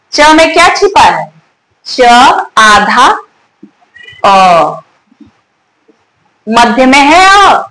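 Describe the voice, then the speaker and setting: A woman teaching a Hindi grammar lesson, repeating example words slowly to show where the stress falls and asking the students questions. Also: high voice, a bit bright. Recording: echoey room with faint ambient noise.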